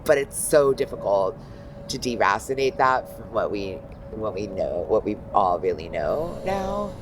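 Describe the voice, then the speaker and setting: A woman in her fifties, a guest art critic, talking in a lively, animated way full of asides. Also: a bass voice, unhurried, slight background noise, rough recording. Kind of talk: casual interview talk.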